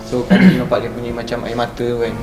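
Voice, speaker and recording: A young adult man with a Malaysian accent casually chats while telling ghost stories. His mid-range voice is fast and fairly flat in pitch. The recording sounds roomy, with a distant mic and faint music.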